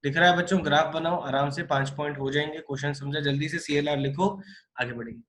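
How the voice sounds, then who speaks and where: A man's voice: fairly high pitch, fast. A man teaching a math class online, coaxing and joking with his students as he works through problems. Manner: animated, coaxing students, calls them kids. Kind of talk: live online class lecture.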